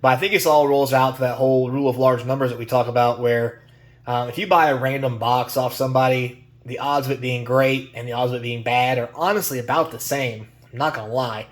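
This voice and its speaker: A man's voice: medium pitch, fairly even intonation, brisk. Chatty man with a lingering cold. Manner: chatty, folksy, airline-captain catchphrases. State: recovering from a cold, clearing throat. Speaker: YouTube card channel host. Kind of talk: casual card-opening vlog talk.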